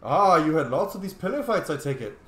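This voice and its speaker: Swearing freely, this male streamer roleplays his way through a video game with casual, playful takes and strong opinions. He talks a little fast in a fairly high, bright, very animated voice, captured with roomy echo and clear background noise.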